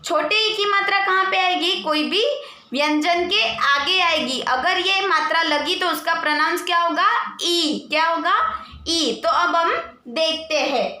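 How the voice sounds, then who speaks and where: A woman's voice: very high-pitched, normal speed, pushed and bright, echoey room. A woman teaching a Hindi lesson to young children, patiently spelling out letters one by one and asking the class questions, with a sing-song lilt at the ends of phrases. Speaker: primary school teacher.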